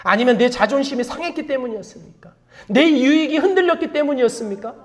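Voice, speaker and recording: A woman's voice: high-pitched, lively intonation, quick pace, darkish tone. A woman pastor preaching a sermon. She asks the congregation many rhetorical questions, prompts them to repeat after her, and admits her own faults. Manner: confessional, self-deprecating asides; call-and-response prompting.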